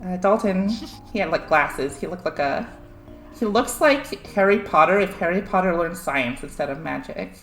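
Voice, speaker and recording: A woman's voice: lowish voice, expressive, moderate pace. A young woman streamer casually explaining science, laughing often and filling her talk with "like" and "um". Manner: giggly, full of "like" and "um" fillers. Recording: echoey room, faint music behind.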